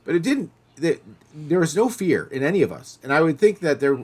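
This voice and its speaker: A man's voice: on the high side, brisk, husky. A middle-aged man hosting a podcast, telling stories in casual chat and acting out the voices of the people in them. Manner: animated storyteller, acting out quoted voices. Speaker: podcast host.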